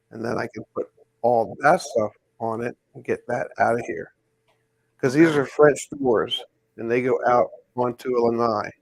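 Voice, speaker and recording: A man's voice: mid-range voice, vocal fry, no echo, rough recording. A man chatting casually about his collection, rambling and thinking aloud as he works. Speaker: pin collector host. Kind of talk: casual chat while hanging pins.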